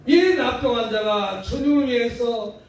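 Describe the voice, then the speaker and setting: A man with a very high voice preaches a revival sermon, folksy and full of rhetorical questions, calling the congregation to answer back. He is caught from well off the mic in a booming, echoey prayer-house hall, with a faint hiss behind. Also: measured pace, recorded from a distance. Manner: call-and-response, drawing answers from the congregation. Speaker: pastor.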